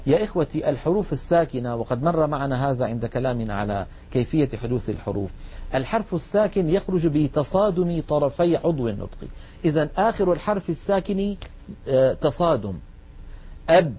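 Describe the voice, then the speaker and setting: A man teaching a lesson on recitation rules, explaining patiently and drawing out slow recited examples. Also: fairly high pitch, husky. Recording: dull lo-fi recording.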